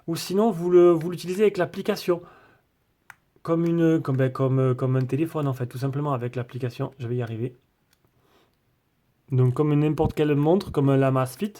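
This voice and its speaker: A man's voice: on the high side, dark tone. A man doing a casual, rambling tech review, full of fillers and restarts.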